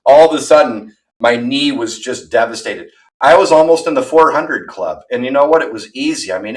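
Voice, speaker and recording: A man in his thirties chatting casually on a livestream, rambling and candid, poking fun at himself. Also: medium pitch. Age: 30s. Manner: rambling, candid and self-deprecating. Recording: voice from far off the mic.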